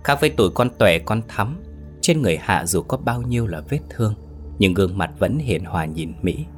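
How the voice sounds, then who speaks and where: A man with a very deep, low voice narrates a scripted horror story. He reads in a steady, grave way, and faint music plays underneath. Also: brisk.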